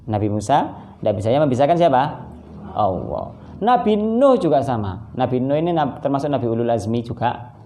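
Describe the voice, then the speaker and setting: A man's voice: mid-range voice, normal speed. A man preaching a casual Islamic sermon over a phone livestream. He speaks Indonesian with a Javanese accent, acts out dialogue and chuckles at his own asides. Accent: Javanese-influenced Indonesian. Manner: animated storytelling, acting out dialogue, chuckling asides.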